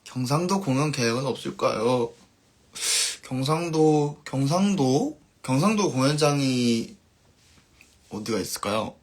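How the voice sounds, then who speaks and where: Chatting informally on his live stream, this band musician reads out viewer comments at a measured pace, his medium-pitched voice expressive. The ends of his sentences fade away softly.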